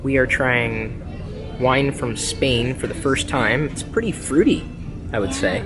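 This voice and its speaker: A man talks through a casual food vlog, playfully teasing between bites. His voice sits at an ordinary middle pitch. Music plays clearly underneath him. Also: unhurried. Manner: chatty describing of dishes. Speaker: vlogger. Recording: music playing behind.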